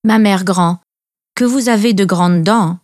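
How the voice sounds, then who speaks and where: A woman's voice: mid-range voice, measured pace, darkish tone, dry recording, lightly acted. A woman reader plays a trusting little girl from a storybook. She speaks in a naive, polite way, dry and close to the mic. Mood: wondering. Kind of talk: storybook reading.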